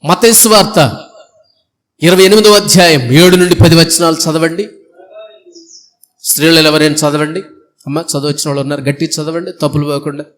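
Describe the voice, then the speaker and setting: High-pitched guy preaching in church, emphatic, repeats lists and keeps asking the crowd questions. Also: steady tone, a little fast, pauses often, fairly bright tone. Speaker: pastor. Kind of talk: Easter sermon. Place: church before a congregation.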